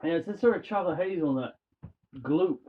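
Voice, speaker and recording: A man's voice: a little high, fairly quick. A man in casual home cooking chat in a kitchen, talking in an easygoing, rambling way with many fillers and restarts. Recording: dull home video with faint noise.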